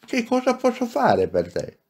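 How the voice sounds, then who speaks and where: A man reading aloud and voicing a small, eager spirit with an excited, pleading manner. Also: extremely high pitch, unhurried, slightly rough, pitched above the performer's own voice, heavily acted. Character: small eager newborn soul, childlike.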